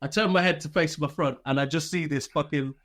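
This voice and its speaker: A former soldier appearing as an interview guest tells personal stories in a casual, chatty, informal way, swearing freely and often chuckling. His voice is a little high and a bit bright, with a steady tone and a slightly fast pace.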